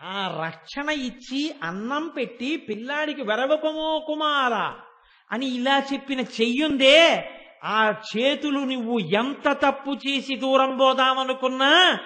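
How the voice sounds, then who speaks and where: High, bright-voiced male preacher. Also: unhurried. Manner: dramatic, with rhetorical questions to listeners. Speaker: religious discourse speaker. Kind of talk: devotional sermon storytelling.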